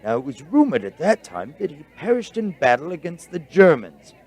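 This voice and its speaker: This radio drama actor gives a heavily acted turn as a bookish, excitable male scholar. The voice is husky and fairly high-pitched, the delivery halting and full of explanation, with an excited mood throughout.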